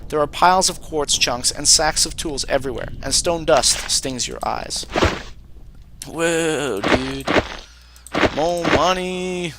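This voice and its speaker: A man's voice: on the high side, moderate pace, hardly any pauses, heavy background noise. A man playing a role-playing game, reading its text aloud and commenting wryly in a casual way. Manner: casual, wry. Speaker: let's play host.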